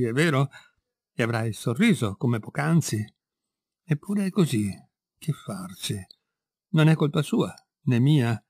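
Male reader as a worn-out middle-aged man, brooding and self-pitying, even pitch, close and dry. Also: breathy edge, no room sound. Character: weary middle-aged man confessing ruinous passion. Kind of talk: read-aloud storytelling.

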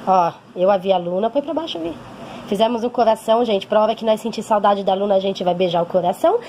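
A woman's voice: on the high side, darkish tone, slight background noise. A woman, chatting casually to viewers as a vlogger mother, emotional and often asking for agreement, recorded on a handheld phone at home and while walking outside. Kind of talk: casual vlog chat to viewers. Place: home, then walking outdoors on a street.

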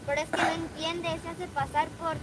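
Young woman vlogger, super high voice, scolding and fed up, lots of noise in the background. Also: level tone, moderate pace. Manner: scolding, firm and exasperated. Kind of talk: casual vlog chat.

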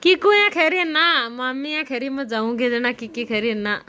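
A woman's voice: high voice, normal speed, background noise. A woman, chatting on a family vlog and teasing and coaxing small children. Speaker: vlogger mother. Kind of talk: casual family vlog chat.

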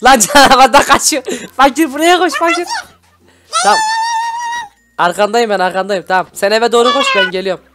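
A young man giving excitable, shouty gameplay commentary as a video host. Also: very high-pitched, a little fast, long pauses. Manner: excitable, shouty, constantly reacting. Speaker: gaming YouTuber host. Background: background music.

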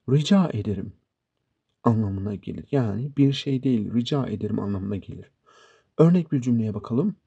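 Guy teaching english phrases, slow and careful, says stuff twice, dark mellow voice, dry close sound. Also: mid-range voice, husky, no echo, dull audio. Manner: slow, deliberate, repeats example sentences. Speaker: English teacher, channel host. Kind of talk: English lesson narration.

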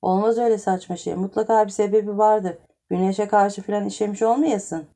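A woman's voice: medium pitch, steady tone, a little fast, mellow, close to an everyday voice. A woman voicing a blunt, teasing old male wine seller who gives wry advice in an audiobook story. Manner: wry, advising.

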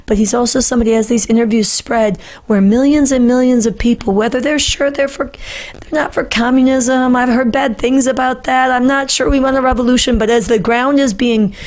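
A middle-aged woman, host of a political panel show, talks briskly in a slightly high, slightly mellow voice with fairly even intonation. Her impassioned commentary is earnest and emphatic, with phrases repeated for stress. She sits close to a boom-arm podcast microphone in a small indoor studio full of books.

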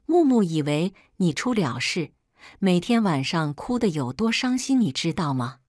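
A woman voicing a furious, arrogant young man who shouts accusations, reading him in a storybook narration. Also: on the low side, sing-song, moderate pace, no room sound, studio quality.

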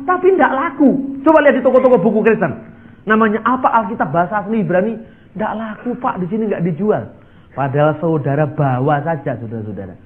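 Preacher, lively sermon delivery, high voice, tinny phone-line sound. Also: male voice. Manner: animated, swings between loud and quiet, mimics voices. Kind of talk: sermon with acted dialogue.

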